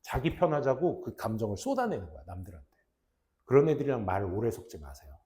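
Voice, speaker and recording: A young adult man teaching an English reading lesson in casual speech, often dropping to low mutters and acting out students' lines. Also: very animated, fast talker, dark tone. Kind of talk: classroom lecture.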